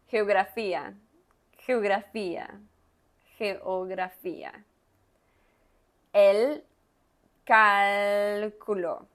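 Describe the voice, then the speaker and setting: A woman Spanish teacher leading a guided reading lesson, repeating words slowly and stressing each sound hard as she drills pronunciation. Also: medium pitch.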